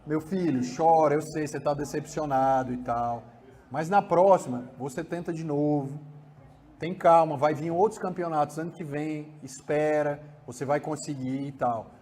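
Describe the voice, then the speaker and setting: A man with a Brazilian accent playing a gentle father who calmly comforts his son in a soft, low voice. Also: moderate pace, a little hiss or hum, natural voice. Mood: gentle soothing.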